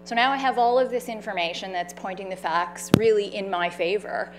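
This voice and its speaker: A loud woman recounts her own story from an event stage, briskly and at medium pitch, slipping in fillers and quoted lines as she talks animatedly. Music plays behind her, and the audio quality is poor.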